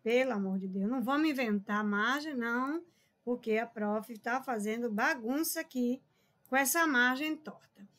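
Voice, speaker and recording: High-voiced chatty woman teacher in her forties. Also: normal speed, a bit bright. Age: 40s. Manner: chatty, scolding, emphatic, calls viewers "povo lindo". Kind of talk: online writing lesson.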